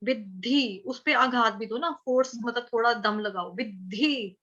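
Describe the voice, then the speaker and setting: A woman's voice: fairly high pitch, moderate pace, sharp tone, muffled recording. A woman teaching Sanskrit verse pronunciation in an online class, patiently drilling syllables and chanting lines.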